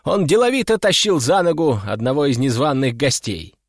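A man reading a first-person story aloud in an even, casual, dryly ironic way. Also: on the high side, moderate pace, dry recording, clean studio sound. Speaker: audiobook narrator. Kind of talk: first-person audiobook narration.

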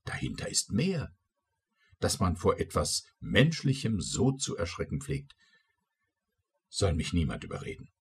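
Man reading a probing young prince for an audiobook, husky low voice with wide pitch swings. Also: wildly swooping pitch, measured pace, pauses often, heavily acted. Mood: earnest.

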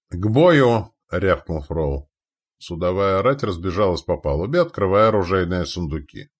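A man's voice: low voice, slightly rough. A man narrating a historical adventure audiobook and acting out the characters' lines. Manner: acts out each character's lines.

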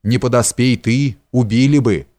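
A man's voice: medium pitch, moderate pace, a little mellow, lightly acted. A man reading the lines of a young prince in an audiobook, in a stern, commanding way. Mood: weary. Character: young prince, angry then worn out.

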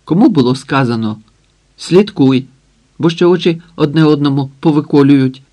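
A man's voice: on the high side, normal speed, mellow, lightly acted. Strict, sarcastic mum of a big brood, read by a man: curt orders, dry jokes. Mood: stern. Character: stern, dry-witted mother of many children.

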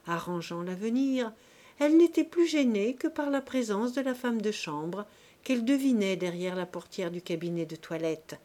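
A woman reading a classic novel aloud as an audiobook narrator, expressive and dramatic, dropping to softer passages. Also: fairly low pitch. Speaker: audiobook reader. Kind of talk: scripted narration.

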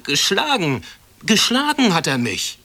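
A man's voice: on the high side, lively intonation, measured pace, voice pushed up. A man reading aloud in a storybook and voicing a cunning, defiant little boy who cries out accusations. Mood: accusing.

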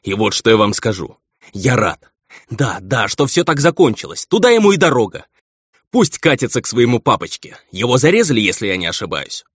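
A man's voice: mid-range voice, sing-song, a little fast, breathy edge, dry recording, voice pushed up. A man voicing a pompous, contemptuous baron and cruel husband, on a dull, lo-fi recording. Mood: indignant.

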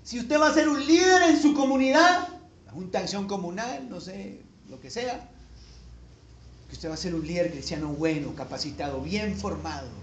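A Colombian man preaches in a high, ringing voice that bounces around a reverberant church room. He talks to the congregation in a folksy, joking way, then climbs to emphatic peaks, with a faint hiss under the sound. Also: normal speed, muffled recording. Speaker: pastor. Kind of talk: conversational sermon. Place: church sanctuary.

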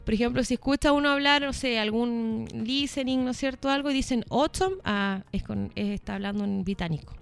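Chilean lady teacher explaining stuff casually, kinda high voice, keeps saying ya, soft music in the back. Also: a little fast, creaky, few pauses, clean tone. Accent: Chilean Spanish. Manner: chatty, checks in with "¿ya?", laughs between points. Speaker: English teacher.

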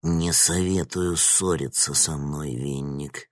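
A man's voice: sits low, expressive, unhurried, fairly bright tone, no room sound, clean studio sound, exaggerated voice. A man playing a cold, menacing scientist villain. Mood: cold, threatening. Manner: cold, smooth, threatening. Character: cold, menacing male scientist boss, predatory.

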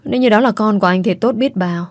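A woman, narrating a story in a steady, measured reading. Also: mid-range voice, no room sound.

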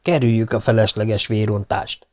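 A man's voice: on the low side, fairly even intonation, natural voice. A man voicing a young male lieutenant, a stubborn officer who gives firm, clipped orders in an audiobook. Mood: stern.

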